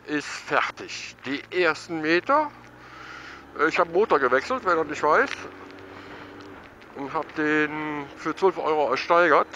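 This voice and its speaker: A middle-aged man giving casual, excited running commentary while riding a motorcycle through town. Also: fairly high pitch, muffled recording, a little hiss or hum. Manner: chatty and excited, thinking aloud. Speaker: motovlogger. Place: outdoors on a motorcycle in town traffic.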